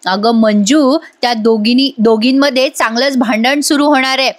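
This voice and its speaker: A woman's voice: a little high, fairly even intonation, moderate pace, natural voice. A woman reading a smug scheming aunt. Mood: gloating. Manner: smug, confident. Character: scheming, gloating middle-aged aunt.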